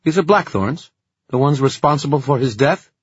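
A man voicing a haughty, cold female warlock in an audiobook, with a husky, low-fi sound. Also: lively intonation, moderate pace, no echo, dull audio. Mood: alarmed. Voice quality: cold, expressionless.

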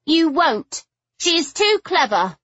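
A woman's voice: fairly high pitch, normal speed, a bit bright, no room sound, lo-fi sound, pitched above the performer's own voice. A woman reading an audiobook, voicing a sulky, stubborn young woman who sounds plaintive and scornful. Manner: petulant, spitting, insistent.

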